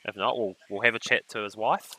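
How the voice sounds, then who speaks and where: A man's voice: lowish voice, steady tone, brisk, bright, forceful tone, rough recording. A man commentating a surf contest on a live stream, with laid-back, joking banter.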